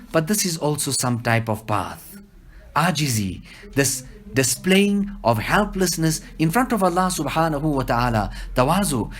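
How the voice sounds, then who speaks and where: A man giving a devotional teaching, telling stories and slowing down to stress key points. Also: mid-range voice. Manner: storytelling, quotes couplets, slows for emphasis. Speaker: religious teacher. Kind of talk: devotional discourse.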